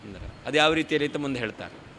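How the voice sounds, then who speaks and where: A man's voice: on the high side, animated, quick pace, bright, forceful tone, slight background noise. A man teaching a scripture text in a traditional lecture, reading Sanskrit lines and explaining them, asking and answering his own questions. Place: lecture hall.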